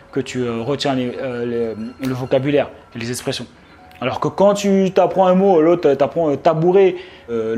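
A man's voice: a little high, darkish tone. A young man from France giving casual, slangy advice straight to the viewer, with many fillers and restarts. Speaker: online business vlogger. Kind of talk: casual advice talk to camera. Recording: faint music behind.

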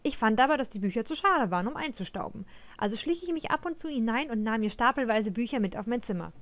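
A woman reading a first-person story aloud in an expressive, measured way. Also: on the high side. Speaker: reader of her own story.

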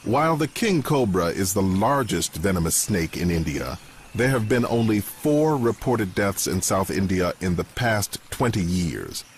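A man reads scripted nature documentary narration in a measured, dramatic storytelling delivery. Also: low-pitched, big pitch swings, a little hiss or hum. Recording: music bed under the narration. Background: background music.

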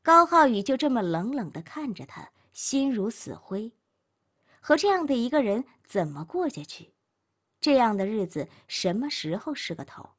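A woman reads a novel aloud as an audiobook narrator. Her voice sits fairly high with a slight huskiness, and her delivery rises and falls expressively. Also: moderate pace. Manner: expressive storytelling.

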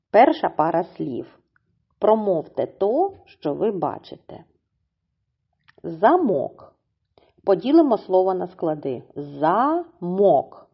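A woman teacher with a Ukrainian accent gives a children's lesson, explaining slowly and deliberately and breaking words into syllables. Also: on the low side, breathy edge, dull audio.

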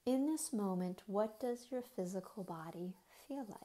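This woman's medium-pitched voice is expressive as she leads a body scan meditation at an unhurried, gentle pace. Short phrases fade out softly and breathily, each followed by a long pause.

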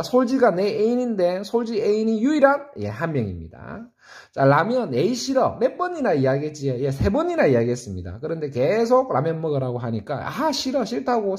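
This is a middle-aged man with a Gyeongsang accent leading a friendly online music lesson. His voice sits a little high and moves a lot, rising for questions and falling for the answers he gives himself. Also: darkish tone. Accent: Gyeongsang Korean. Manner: call-and-response quizzing, asks then answers himself; sing-song, jumps between high questions and low answers. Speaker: saxophone teacher.

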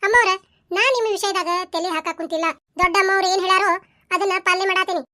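A woman's voice: very high voice, fairly even intonation, quick pace, sharp tone, soft background music. A woman voicing a loyal young village maid in a cartoon, firm and respectful, with a North Karnataka Kannada accent. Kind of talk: cartoon voice acting.

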